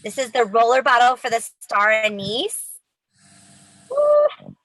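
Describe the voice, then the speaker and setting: A woman hosting a live giveaway in a hyped, excited announcing style, chatting directly to the viewers. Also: on the high side, moderate pace, dry recording, rough recording. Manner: excited, chatty, addresses viewers as you guys.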